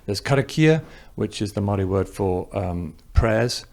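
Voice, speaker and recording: Speaking at a normal pace, this man has a fairly low, creaky, slightly mellow voice with lively intonation. He's a film director from New Zealand with an English accent, musing through interview answers and often starting sentences over.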